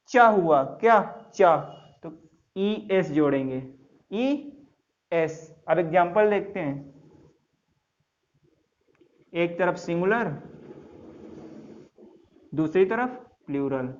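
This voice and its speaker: A man's voice: sits high, animated, slow pace, long pauses. A man teaching English grammar to a class, spelling words letter by letter and quizzing students with repeated questions. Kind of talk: classroom lesson. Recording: dull lo-fi sound.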